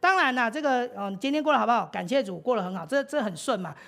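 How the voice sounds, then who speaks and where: A woman's voice: a little high, expressive, fast, vocal fry, a bit bright. Chatty Taiwanese woman preaching. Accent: Taiwanese Mandarin. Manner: chatty, laughs often, many fillers. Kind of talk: sermon. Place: church.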